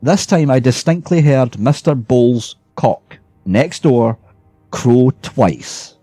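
A man's voice: medium pitch, animated, dark tone, no echo, soft background music. Man reading a ghost story aloud. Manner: measured first-person storytelling. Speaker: reader. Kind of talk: scripted storybook narration.

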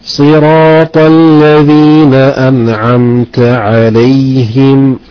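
A man student reciting Quran verses in a slow, measured chant. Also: medium pitch, flat delivery, clear, resonant tone, dull audio.

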